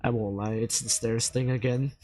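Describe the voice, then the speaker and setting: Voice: mid-range voice, steady tone, measured pace, darkish tone, faint music behind. A stream host in casual group chat, joking with exaggerated outrage and laughing often.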